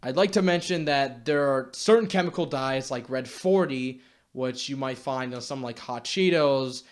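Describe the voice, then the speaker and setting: A man's voice: medium pitch, normal speed. A young man delivering a blunt, exasperated rant to camera, swearing casually as he lectures viewers. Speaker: YouTube commentator.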